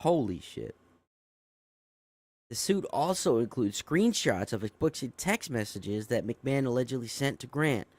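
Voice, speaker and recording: A man's voice: medium pitch, animated, unhurried, darkish tone, no echo. Casual, amazed young man reading news. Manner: swearing, easily amazed, with frequent fillers and self-corrections. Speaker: show host. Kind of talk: casual live-stream commentary reading news aloud.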